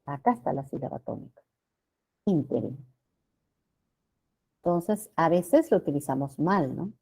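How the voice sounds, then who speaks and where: A woman teaches a grammar class, speaking in a lowish voice that rises and falls expressively. She keeps checking in with her students and stretches key words out slowly to stress them. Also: lively intonation, warm tone. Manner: addresses students with frequent checking questions.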